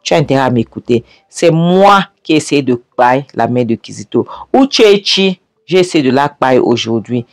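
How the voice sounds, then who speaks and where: A woman's voice: very deep voice, expressive, moderate pace, hardly any pauses, dry recording, studio quality. A woman voicing a defiant young man who coldly taunts his rival in a film recap. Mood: taunting.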